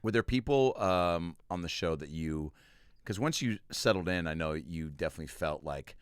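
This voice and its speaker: A man's voice: low voice, animated, normal speed, smooth, no room sound, studio quality. A man hosting a podcast in casual conversation, rambling loosely with lots of fillers. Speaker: podcast host. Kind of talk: casual podcast chat and ad read.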